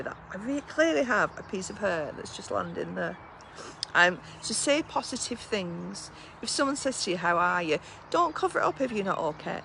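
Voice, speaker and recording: A British woman hosting a casual live wellbeing chat outdoors, gently instructive and encouraging, checking in with listeners as she talks. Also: mid-range voice, gravelly, a little hiss or hum. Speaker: wellbeing live-stream host. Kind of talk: casual chatty live talk with wellbeing tips. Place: outdoors on a balcony.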